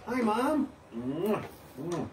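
A man's voice: high voice, big pitch swings, very slow, recorded from a distance, background noise, heavily acted. A man voicing a naive young male cartoon character with a whiny manner. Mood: puzzled.

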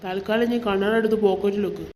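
Brief: voice actor as exasperated cartoon husband, mellow dark tone. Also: male voice, high-pitched, fairly even intonation, fast talker, slight background noise, natural voice. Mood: nagging. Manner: exasperated, grumbling, sarcastic. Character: exasperated middle-aged husband, Moosakka. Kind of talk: cartoon voice acting.

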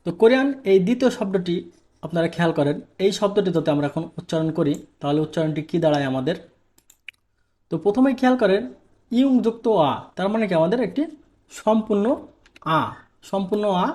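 A man's voice: high voice, lively intonation, fast talker, dark tone. A man from Bangladesh teaching a language lesson, asking questions and answering them himself, repeating the key points. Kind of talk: explaining a lesson.

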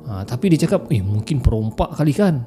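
A man's voice: mid-range voice, very animated, brisk, mellow, faint music behind. A man telling horror stories in a chatty podcast style, often calling his listeners "guys". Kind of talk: casual horror storytelling.

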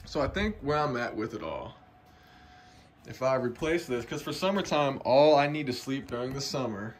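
A young man casually walking through his camping gear in a home basement, talking to a handheld phone camera in a relaxed, chatty way. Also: mid-range voice, normal speed, slight background noise. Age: young adult. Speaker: outdoor gear vlogger. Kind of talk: casual vlog walkthrough. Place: home basement room, indoors. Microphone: phone camera held close.

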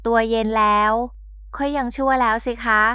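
A woman's voice: a little high, fairly even intonation, normal speed, pushed and bright, smooth, no room sound. A woman voicing a chatty young housemaid who fusses politely over her mistress. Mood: fussing. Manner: startled then fussing, polite particles.

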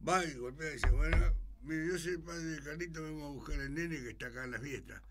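On a radio talk show, a joke-telling guest acts out the characters in his stories as an animated storyteller. His voice is on the high side, and he talks a little fast.

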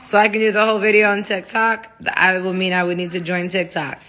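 A woman's voice: mid-range voice, level tone, quick pace, fairly bright tone. A woman in her thirties chatting casually on a phone livestream from her home kitchen, rambling and laughing easily. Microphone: phone held close.

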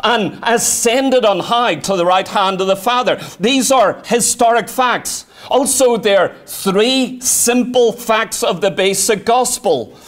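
A man's voice: high voice, slow, hardly any pauses, a bit bright. A man preaching a sermon, emphatic and full of rhetorical questions, quoting old-style scripture. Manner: emphatic, rhetorical questions, quotes scripture in King James wording.

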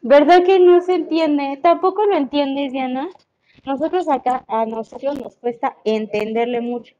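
In a high, warm voice at a moderate pace, a woman with a Mexican Spanish accent teaches an online class, explaining patiently and checking students follow. The video call audio sounds dull.

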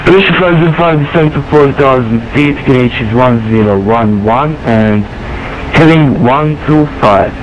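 A man working as an air traffic controller, heard over an aviation radio channel, giving measured instructions in clipped phraseology and reading numbers digit by digit. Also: medium pitch. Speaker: air traffic controller in a flight sim network. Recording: muffled radio with strong static.

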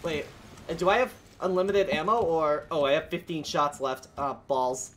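A woman's voice: sits low, normal speed, slight background noise. A woman streaming a zombie game with a friend, stammering, shrieking in fright and laughing nervously. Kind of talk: frantic gaming stream chat.

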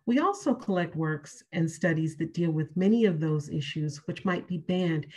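A middle-aged woman with a husky, slightly low voice delivers a prepared keynote lecture. She speaks in a measured way, leaning on repeated key phrases for emphasis. She is heard through a webcam on a video call from a room at home. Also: expressive, a little mellow.

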